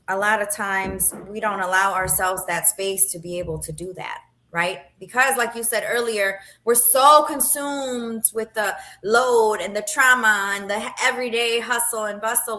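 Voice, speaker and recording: A woman's voice: medium pitch, bright, forceful tone, slight background noise, low-quality recording. A woman in her late forties speaking earnestly on a podcast, often checking in with "right?". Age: 40s. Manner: earnest, keeps asking "right?". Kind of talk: casual podcast conversation.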